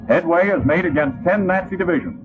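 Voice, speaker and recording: A man's voice: high voice, brisk. A man narrating a wartime newsreel from a script in the stirring, declamatory manner of an old 1940s newsreel narrator. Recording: tinny band-limited 1940s newsreel soundtrack. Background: loud orchestral newsreel music.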